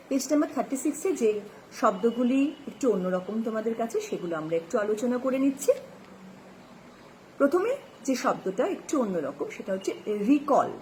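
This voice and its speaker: A woman with a Bengali accent teaches an English lesson, reading lines slowly and spelling out words letter by letter. Her pitch moves up and down a lot as she explains. A faint hiss sits under the recording. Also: darkish tone, poor audio. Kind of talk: classroom lesson explaining text and vocabulary.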